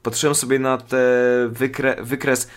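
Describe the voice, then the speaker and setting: A man's voice: medium pitch, level tone, unhurried, fairly bright tone. Joking, foul-mouthed man in casual chat. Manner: jokey, swears freely, pleads for subscribers. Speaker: podcast co-host and channel owner. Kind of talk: casual podcast banter.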